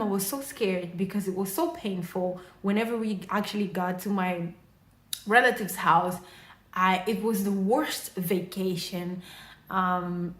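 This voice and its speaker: Young woman from Mozambique, chatty storyteller, slow and unhurried, roomy echo, phone-recorded vlog. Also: lowish voice. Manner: animated, chatty storytelling, heavy fillers. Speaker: vlogger. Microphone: phone camera. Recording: roomy, echoey room.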